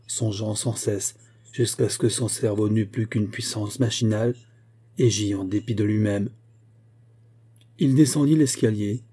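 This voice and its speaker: A man reading a novel aloud as a narrator, in a steady, measured way. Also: medium pitch, breathy edge. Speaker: audiobook narrator. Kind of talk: scripted literary narration.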